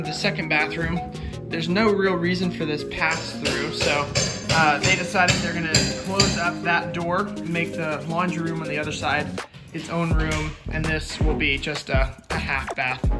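On a casual vlog, a contractor in his 30s with an American accent and a voice on the high side walks viewers through a renovation, explaining as he goes. He films handheld at arm's length across a house, garage and covered patio, with background music.

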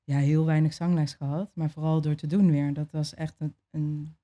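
A young adult woman being interviewed, telling a personal story in a relaxed way, with many fillers and restarts. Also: low-pitched, normal speed. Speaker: interview guest.

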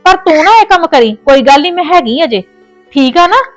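A woman with an extremely high, animated voice talks a little fast, recorded dry with faint music behind her. Acting in a family drama, she plays a worried, fiercely protective mother on the phone with a Punjabi accent, soothing her daughter and indignantly scolding the in-laws.

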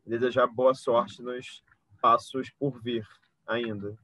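A Brazilian-accented man in his thirties hosts an interview casually over a video call from an indoor room with bookshelves. His mid-range voice is level, slow, pushed and bright, and the audio is dry and dull with no echo.

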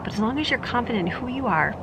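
A woman's slightly high voice races along with lively intonation, with background noise behind her. She's a family vlogger in her forties, casually rambling and laughing through a grocery haul on a handheld camera, outside on a porch after an earlier stretch at the kitchen counter.

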